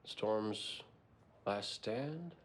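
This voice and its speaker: A man's voice: fairly low pitch, animated, extremely slow, slight background noise. A man playing a glib, teasing novelist in a crime drama, with wry, playful banter over music. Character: glib, teasing male novelist tagging along with police. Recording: music behind TV dialogue.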